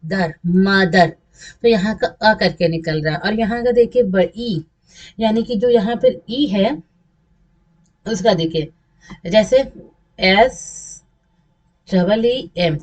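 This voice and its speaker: A woman's voice: medium pitch, slow, long pauses, darkish tone, lo-fi sound. A woman English teacher giving a slide lesson, patiently repeating and stretching example words. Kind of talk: classroom lesson over slides.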